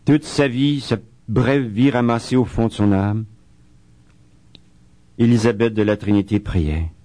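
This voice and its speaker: A man giving a spiritual talk as a preacher, reading quotations slowly and solemnly and adding chatty asides. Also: on the low side, mellow, dry recording. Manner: reads quoted writings slowly and solemnly, adds chatty asides. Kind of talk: spiritual talk on a saint's life.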